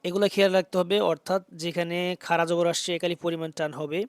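A man teaching Quran reading, spelling out Arabic letters in Bengali and chanting the verses in a raised, drawn-out voice. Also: high voice, steady tone, no echo. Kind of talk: tajweed lesson, spelling out letters then reciting.

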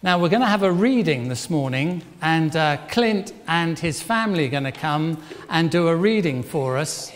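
At a moderate pace with few pauses, an older man with a slightly high, animated voice speaks to a congregation in a church hall. He's the leader of an all-age service, asking questions and approvingly echoing answers. Echo and faint background noise are audible.

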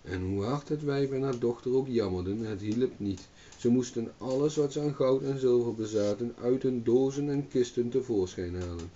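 A man reading a fairy tale aloud as a storyteller, in calm steady narration, on a dull distant recording. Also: medium pitch, normal speed.

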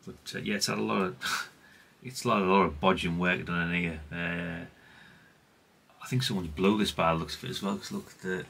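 At a normal speed and with fairly even intonation, a deep, gravelly yet fairly bright male voice comes through with a bit of hiss or hum. This middle-aged British radio repair hobbyist gives a rambling, unscripted, hands-on demo, casual, self-mocking and lightly sweary.

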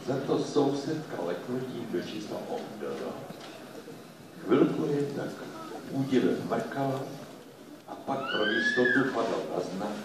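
Lively male storyteller, echoey and distant. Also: mid-range voice. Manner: lively, expressive reading. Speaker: storyteller reading to children. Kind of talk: reading a children's book aloud. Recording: echoey room, distant mic, noisy.

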